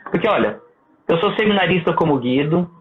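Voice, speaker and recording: A man, a seminarian asking warm, admiring interview questions. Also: fairly high pitch, lively intonation, brisk. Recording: tinny remote call line.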